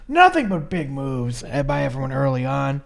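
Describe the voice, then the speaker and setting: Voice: medium pitch, very animated, moderate pace, creaky. A podcast co-host recapping a match in a chatty, casual way, swearing now and then and reading from notes.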